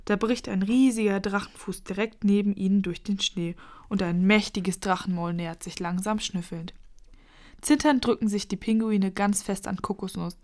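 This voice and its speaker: A woman reads a children's story aloud with lively expression, her mid-range voice moving at a moderate pace.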